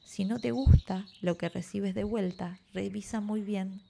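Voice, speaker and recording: A woman reading the lines of a gentle, patient father teaching his son, explaining in a soft, sermon-like way. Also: medium pitch, fairly even intonation, unhurried, vocal fry, slight background noise.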